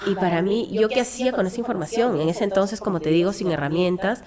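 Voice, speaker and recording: A Peruvian woman speaks earnestly in a conversational interview, pausing and restarting as she reflects. Her voice sits at a medium pitch. Clear crowd noise is heard behind her. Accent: Peruvian Spanish. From Peru. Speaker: guest, founder of a children's hospice.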